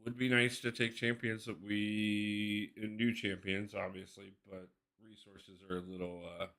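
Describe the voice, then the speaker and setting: A man's voice: fairly low pitch, level tone, a little slow, sharp tone. A man live-streaming a mobile game, chatting casually, thinking aloud and greeting his viewers by name.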